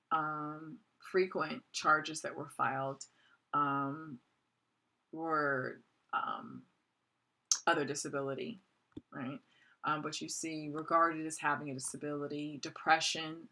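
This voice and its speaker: A woman's voice: low-pitched, bright, forceful tone. A woman in her forties giving a recorded course lecture in a conversational way, with many "um" fillers. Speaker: college lecturer.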